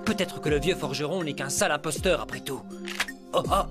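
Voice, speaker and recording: A man's voice: on the high side, fairly quick, music in the background, natural voice. A man voicing a cocky young thief hero. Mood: impatient. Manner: cocky and brash. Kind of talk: anime French dub.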